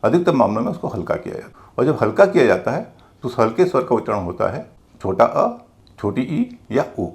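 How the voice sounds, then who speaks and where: A male teacher gives a methodical pronunciation lesson. His pitch rises and falls in a lively way as he stresses key sounds, and he spells out words letter by letter with patience. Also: fairly quick. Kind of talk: classroom-style explanation.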